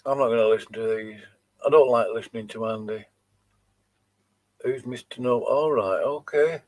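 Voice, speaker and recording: With a darkish, mid-range voice at an ordinary pace, this man mocks and dismisses the video clips he plays while hosting his channel, commenting on them live as a reaction host.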